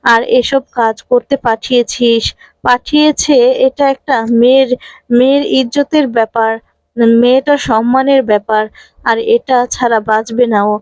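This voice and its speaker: A woman's voice: fairly high pitch, steady tone, moderate pace, no room sound, natural voice. A woman voicing an angry man who threatens a captive to defend a wife's honour. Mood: menacing. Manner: menacing, shouting threats.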